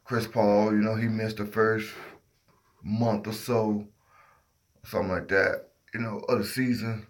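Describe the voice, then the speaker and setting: Sleepy, low-voiced man chatting about sports. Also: flat delivery, measured pace, pauses often. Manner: drowsy, losing train of thought, groping for words. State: sleepy, half asleep after working all night. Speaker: sports livestream host. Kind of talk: casual opinionated sports commentary.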